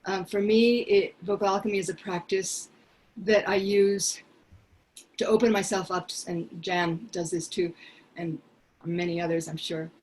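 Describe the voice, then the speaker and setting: Older woman, from Peru, earnest, reflective, frequent pauses, headset mic, video call, faint background noise. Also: fairly low pitch, a little mellow, poor audio. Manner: earnest, reflective, pausing often. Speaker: singer sharing a song. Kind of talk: casual video call chat. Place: home living room.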